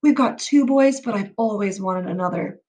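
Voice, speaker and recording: Woman reading as an eager, excited mom. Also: on the high side, normal speed, distant mic. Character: eager young mother playing along.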